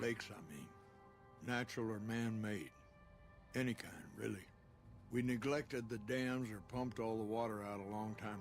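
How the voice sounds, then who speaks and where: Gravelly, low-voiced veteran ranger chief. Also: male voice. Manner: measured, laconic, folksy. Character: weathered veteran ranger chief, calm, plain-spoken older man. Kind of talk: video game character dialogue.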